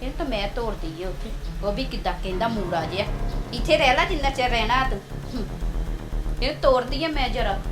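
A woman's voice: fairly high pitch, fairly quick, over music, natural voice. A woman playing a scheming sister-in-law who coaxes sweetly and mutters snide asides. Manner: coaxing and persuasive, snide asides.

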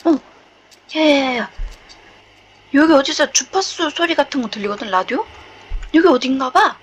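Woman streamer, horror game playthrough, high voice that swings a lot, jumpy and chatty. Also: lively intonation, normal speed. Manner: chatty, jumpy, lots of nervous laughter. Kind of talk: horror game let's play.

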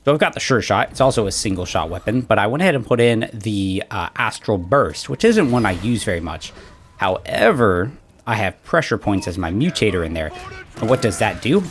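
A man with a lowish voice talks through a video game build in a loose, rambling way, tossing in "like" and "right?" as he goes. He sounds a little out of breath after a workout. A faint hum of ambience sits under the recording. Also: very animated, fairly quick. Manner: chatty, rambling, frequent fillers and "right?" asides. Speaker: gaming channel host. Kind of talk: casual gameplay commentary.

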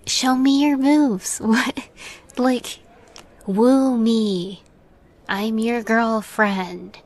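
Playing a timid young catgirl roommate for an intimate roleplay recording, a woman speaks haltingly and nervously, playful underneath, often fading to a near whisper. The mood is teasing; her slightly high voice holds a steady tone and is heavily acted.

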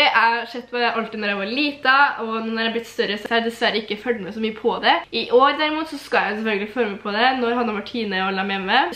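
A woman's voice: fairly high pitch, sharp tone. A nineteen-year-old woman from central Norway with a Trøndelag accent, chatting bubbly and giggly in a casual vlog. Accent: Trøndelag Norwegian. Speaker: YouTuber. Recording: echoey room.

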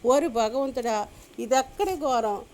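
A woman's voice: a little high, expressive, unhurried, a little mellow. A woman reading the part of a young wife crying out in grief for her brother, in tearful, pleading lines. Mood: grief-stricken.

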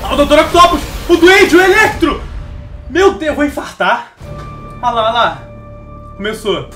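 A young man with a Brazilian Portuguese accent reacts to a trailer in a very high, bright voice, often breaking into excited shouts. He records in an echoey room with music playing behind him. The energy keeps building. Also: moderate pace. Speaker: reaction video host.

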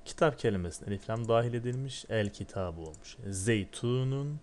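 Male teacher, low-pitched, walks through a textbook lesson with rhetorical questions and slow sounded-out words. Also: darkish tone, a little hiss or hum. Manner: asks himself questions then answers, reads words slowly. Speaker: Arabic teacher.

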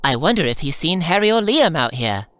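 An exasperated young male hero from a cartoon, acted out by a man, dry and quick to scold. His voice is bright and lively in pitch, with faint music behind it. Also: clean tone, no echo. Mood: curious. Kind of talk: cartoon voice acting.

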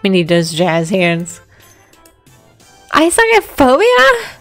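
A woman's voice: medium pitch, steady tone, normal speed. A woman narrates a story game aloud and drops in casual asides of her own. Music plays behind the voice.

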